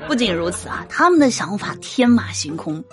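A woman's voice: mid-range voice, very animated, normal speed, some chatter behind. A woman in her thirties, a mother, telling humorous family anecdotes and often laughing between jokes, with faint music behind. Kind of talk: humorous storytelling monologue.

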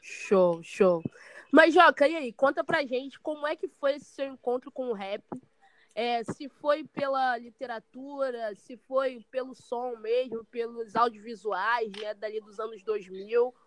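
A woman's voice: fairly high pitch, a little slow, dry recording, rough recording. Upbeat woman hosting a chat. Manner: enthusiastic, upbeat interjections. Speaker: podcast host. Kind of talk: casual interview.

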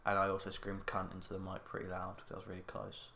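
A young man, co-hosting a podcast in loud, sweary, jokey casual chat on one shared mic. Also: sits low, completely flat delivery, quick pace, vocal fry, a little hiss or hum. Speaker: podcast co-host. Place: echoey room. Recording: echoey amateur podcast room.

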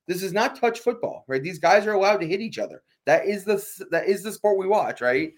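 A man's voice: high voice, lively intonation. A man co-hosting a sports talk show, making emphatic points and often asking "right?". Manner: fast, emphatic, fills with "right?".

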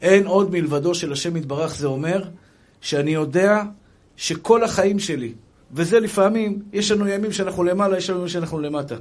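A man's voice: sits high, a little mellow. A man giving a religious lecture, telling stories emphatically and calling his listeners brothers. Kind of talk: Hebrew sermon with anecdotes.

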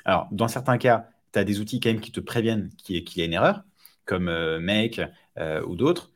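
A man with a fairly low voice talks as a podcast guest. He explains in a relaxed, conversational way, with frequent hesitations and repeated words. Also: brisk. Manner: hesitant, many fillers and restarts. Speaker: startup founder guest. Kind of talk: casual podcast interview.

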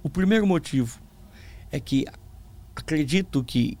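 A Brazilian man with a tongue-tied lisp and slurred sibilants, giving reflective religious testimony in conversation as a preacher, with emphatic pauses and repetition. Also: fairly high pitch, expressive, a little mellow. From Brazil, small town in the interior. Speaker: preacher, interview guest.

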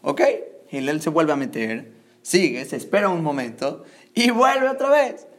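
A man teaching a lesson, retelling a Talmud story in a lively way and checking in with his listeners. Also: on the high side, a little slow. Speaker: religious teacher.

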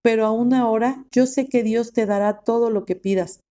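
A woman's voice: on the high side, fairly even intonation, normal speed, dark tone, muffled recording, close to an everyday voice. A woman reading aloud the lines of Martha, a grieving, faithful woman. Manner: read aloud plainly.

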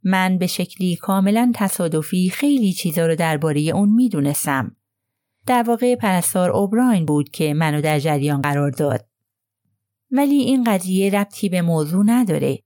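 A woman's voice: on the low side, animated, mellow, no echo, clean studio sound, lightly acted. A woman voicing a gossipy middle-aged nurse who talks in a hesitant, confiding way.

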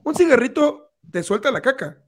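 A man's voice: extremely high pitch, very animated, normal speed, a little hiss or hum. A man with a Mexican accent hosting a casual podcast chat, joking and teasing in slangy speech. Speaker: podcast host.

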